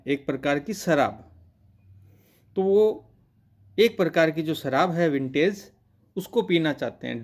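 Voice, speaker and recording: A man teaching English literature, reading each line of a poem slowly and then explaining it in Hindi, often asking questions and answering them himself. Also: on the high side.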